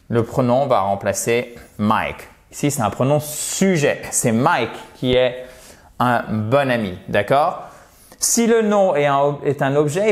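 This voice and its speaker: A man teaching a beginner grammar lesson, explaining patiently and checking often that his students follow. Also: on the high side. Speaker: English teacher.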